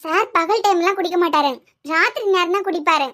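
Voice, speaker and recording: A woman's voice: very high-pitched, fast, a bit bright. A woman voicing a gossipy young hospital nurse in a cartoon serial, chattering with a Kanyakumari Tamil accent.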